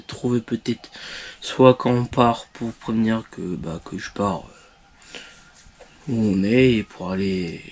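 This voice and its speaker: Halting man, video diary. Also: medium pitch. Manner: halting, many restarts and fillers. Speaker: vlogger.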